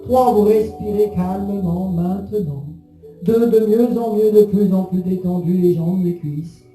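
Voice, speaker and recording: A man's voice: high-pitched, fairly even intonation, measured pace, dark tone. A man leading a guided hypnosis session in a soothing, repetitive, suggestive manner. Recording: roomy echo under music.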